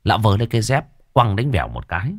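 A man's voice: on the low side, sing-song, fast talker, no echo, studio quality. A man telling an earthy, crude comic village story.

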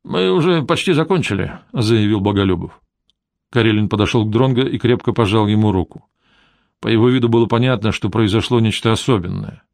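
An audiobook narrator, a man with a lowish voice, reads a detective novel in an even, measured storytelling style. It's scripted narration, recorded clean in a studio with no echo.

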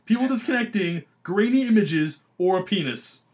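Young man, podcast co-host, high lively voice, teasing casual banter. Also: moderate pace. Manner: joking, teasing.

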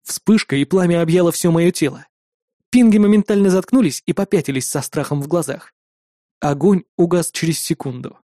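An audiobook narrator reading a first-person fantasy story with steady, lightly dramatic storytelling. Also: mid-range voice, moderate pace, no echo, clean studio sound.

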